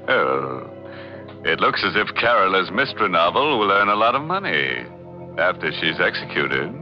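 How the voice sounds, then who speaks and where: A creepy punning horror host, super deep and slow, organ music behind, muffled old radio. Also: male voice, sing-song. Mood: sardonic. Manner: punning gallows jokes, sinister chuckles. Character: sardonic, ghoulish male radio mystery host. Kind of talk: 1940s radio drama hosting.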